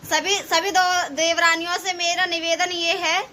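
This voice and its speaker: A woman's voice: very high-pitched, little pitch movement, moderate pace. A young woman, chatting casually and teasingly in a home vlog. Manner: chatty, teasing, laughs often. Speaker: vlogger. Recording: noisy home recording.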